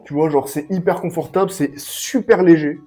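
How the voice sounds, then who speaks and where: A young man giving a casual, excitable clothing review at home, full of slang and hype. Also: a little high, normal speed, soft background music. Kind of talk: casual product review vlog. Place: at home, sitting and standing up to show clothes.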